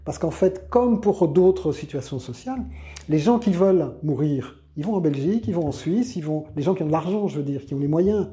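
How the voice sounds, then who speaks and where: A woman's voice: low voice, lively intonation, normal speed, dark tone. A woman in a casual discussion who stumbles and restarts as she presses her point. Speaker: discussion participant.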